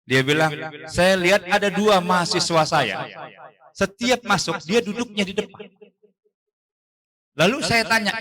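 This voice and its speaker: A man preaching to parents in an animated way, putting questions to the audience and answering them himself. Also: high voice. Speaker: preacher and school leader. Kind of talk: sermon to parents.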